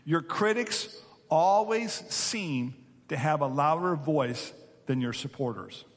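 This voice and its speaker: Male pastor, fairly high voice, emphatic sermon delivery, long hall reverb. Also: slow pace. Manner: animated, emphatic, repeats words.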